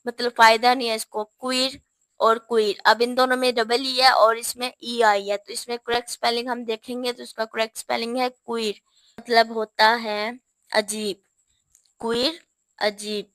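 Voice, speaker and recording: A woman with a Pakistani Urdu accent teaching English spelling, spelling words out slowly letter by letter. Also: on the high side, little pitch movement, fairly bright tone, no room sound. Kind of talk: spelling lesson.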